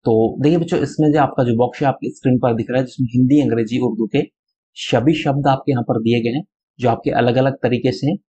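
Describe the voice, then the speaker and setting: Give me a male teacher, reading answers aloud in a mellow, slightly husky voice. He talks to the class as children and keeps telling them to write each answer down. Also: mid-range voice, steady tone, fast talker, highs cut off. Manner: calls listeners children, tells them to note it down. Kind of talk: reading out textbook answers to schoolchildren.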